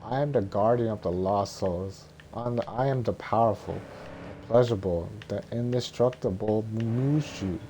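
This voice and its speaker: Boastful little male dragon guardian read by a man, lowish voice, bossy and blustering, cartoon sidekick, noisy recording. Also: moderate pace, warm tone, lightly acted. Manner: blustering, stumbling script reading. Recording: noticeable background noise.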